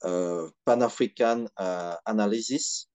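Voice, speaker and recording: A man from Benin with a Beninese French accent gives reflective interview answers in measured, hesitant phrases with frequent pauses. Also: lowish voice, darkish tone, clear, resonant tone. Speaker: podcast guest, historian and activist.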